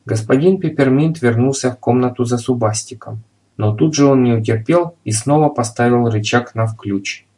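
A man reading a children's story aloud with lively, expressive narration. His voice sits at an everyday middle pitch, and his delivery is steady and engaged. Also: normal speed. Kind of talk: audiobook narration.

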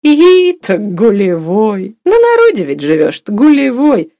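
A woman voicing a rough, sharp-tongued peasant cook who scolds in loud, drawn-out exclamations. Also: mid-range voice, wildly swooping pitch, dry recording, clean studio sound, voice pushed up. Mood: gossipy.

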